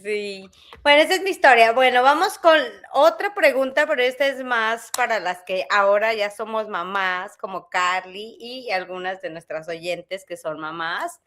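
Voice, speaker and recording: A woman's voice: mid-range voice, moderate pace, fairly bright tone. A woman co-hosting a podcast, chatting casually and animatedly, laughing often and acting out voices as she tells stories. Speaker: podcast co-host. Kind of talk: casual storytelling chat.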